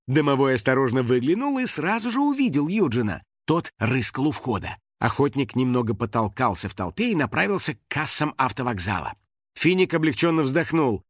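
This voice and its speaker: Animated male storybook narrator. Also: medium pitch, no room sound, studio quality. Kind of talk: expressive audiobook narration.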